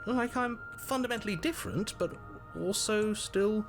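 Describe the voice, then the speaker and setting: An actor playing an excitable, bewildered voice inside a game hero's head, questioning everything in an animated, skittish manner. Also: male voice, moderate pace. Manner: high-pitched, animated, questioning. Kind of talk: dramatic video game acting. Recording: loud music underneath. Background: game music.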